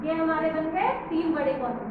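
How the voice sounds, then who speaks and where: A woman teaching a school class with short, repeated questions, loud and deliberate as if to someone hard of hearing. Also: high-pitched. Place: indoor school classroom with pupils. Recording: very echoey classroom, distant mic, noisy, dull.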